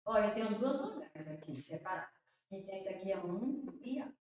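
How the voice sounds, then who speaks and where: A Brazilian woman teacher works through exam answers aloud, repeating key words and checking in with her students as she goes. Her voice sits at a middle pitch and comes from some way off the mic. It rings through a very echoey room with a faint hiss behind it. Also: sing-song, a little fast, darkish tone, recorded from a distance. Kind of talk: exam-solving lesson.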